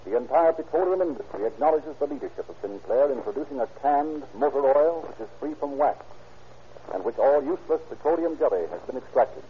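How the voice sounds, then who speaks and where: A man's voice: medium pitch, animated, brisk, dark tone. A man narrating and announcing in a formal, declamatory 1930s radio style. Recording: tinny, noisy 1930s radio broadcast.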